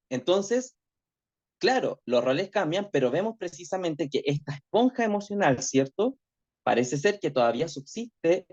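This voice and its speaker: A man's voice: fairly high pitch, a little mellow. A male teacher giving an online class lecture, reflective, checking in with tag questions constantly. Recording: dull lo-fi audio.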